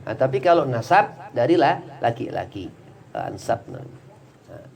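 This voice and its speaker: A man's voice: medium pitch, big pitch swings, moderate pace, gravelly, darkish tone, slight background noise. Chatty man teaching a religious study class. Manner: chatty, digressive explaining with many "nah" and "ya" fillers.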